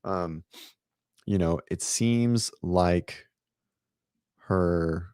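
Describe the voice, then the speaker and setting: A man's voice: deep voice, extremely slow, a little mellow, smooth, no echo, studio quality. A man hosting a fitness show, chatting loosely about competition results with lots of fillers and the odd swear word, over a call setup. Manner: loose, profane, filler-heavy commentary. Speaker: fitness podcast host. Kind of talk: casual chat. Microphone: remote call setup.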